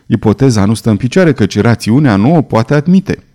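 A man voicing a doubtful gentleman lawyer who speaks in a calm, measured, reasoning way in an audiobook. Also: mid-range voice, lightly acted. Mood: skeptical. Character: skeptical, pale gentleman lawyer, middle-aged.

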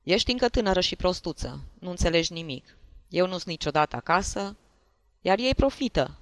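Brief: man playing a blustering, tipsy jealous husband, raised and loud, dry close sound. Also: high voice, lively intonation, no echo, pitched above the performer's own voice. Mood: lecturing. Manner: shouting, scolding. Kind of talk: audiobook character voice.

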